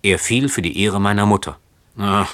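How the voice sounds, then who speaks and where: A man's voice: on the low side, normal speed, a bit bright, lightly acted. A man reading aloud voices a bold, proud young woman who speaks firmly and mockingly. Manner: firm, mocking.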